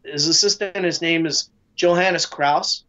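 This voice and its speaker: A man talking casually as a guest, halting often with fillers and restarts. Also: fairly high pitch, fairly even intonation, pushed and bright, muffled recording. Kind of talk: casual discussion.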